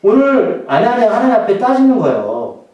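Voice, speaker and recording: High-voiced pastor preaching in echoey hall. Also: male voice, wildly swooping pitch, a little fast, distant mic, lo-fi sound. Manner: conversational, asks the congregation questions. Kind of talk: sermon.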